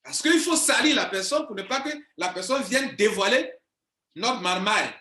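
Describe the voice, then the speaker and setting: An online business coach in his forties from Ivory Coast delivers a video monologue straight to his viewers, insistent and emphatic, repeating himself. His high voice sounds pushed and bright, with lively intonation at a moderate pace, in an echoey room.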